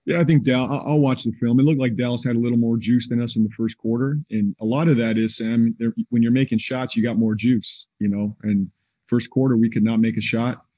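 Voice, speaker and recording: A basketball head coach in his forties fields questions over a video call at a postgame press conference, sounding measured and plain-spoken with frequent fillers. His voice is medium-pitched, steady and mellow, though the audio is dull. He sits indoors before a team backdrop.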